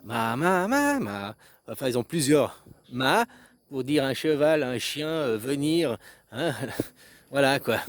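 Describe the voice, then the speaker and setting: A man's voice: mid-range voice, slow pace, pauses often, no echo. A man in a casual philosophical monologue, rambling and repeating himself, tagging short questions onto his phrases and acting out little example phrases in shifting tones.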